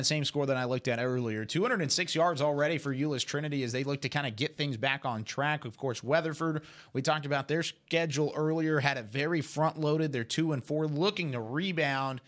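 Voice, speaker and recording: A man hosting a live high school football scoreboard show in a studio, running through scores in an upbeat way. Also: normal speed, hardly any pauses, fairly bright tone. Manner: upbeat, moving through game results. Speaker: studio host.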